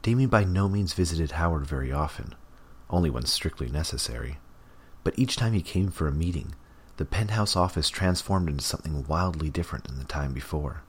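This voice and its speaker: A man narrating an audiobook in a measured, even way. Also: rumbling low, breathy edge.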